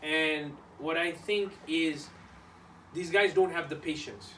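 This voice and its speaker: A man's voice: fairly high pitch, takes it slowly, a bit bright. A man giving a motivational team talk as a leader, emphatic, repeating short phrases. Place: echoey indoor room, locker room. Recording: roomy, distant mic, background noise.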